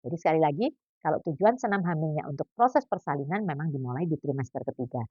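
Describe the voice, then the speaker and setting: Deep-voiced and husky, this woman talks fast. A doctor in her fifties, she gives chatty, jokey advice on pregnancy exercise with lively asides in a casual health talk. There is no echo, and the sound is dull and lo-fi.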